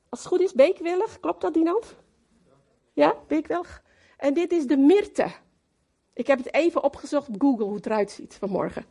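A woman giving a lively, emphatic sermon who talks straight to the congregation and slips into English now and then. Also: high-pitched. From Moluccan community in the Netherlands. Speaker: preacher.

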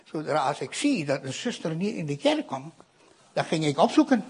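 A man's voice: on the high side, big pitch swings, normal speed, darkish tone, a little hiss or hum. A man from India gives a sermon-style testimony. He tells the story with animation, acts out the voices of the people in it, and keeps addressing his listeners directly. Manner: keeps addressing the audience with "I tell you".

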